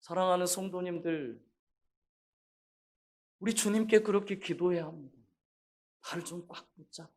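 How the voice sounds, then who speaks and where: A man's voice: high-pitched, fairly quick, creaky. Impassioned preaching male pastor. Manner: builds to impassioned shouted questions; acts out quoted people in his stories. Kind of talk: sermon with storytelling.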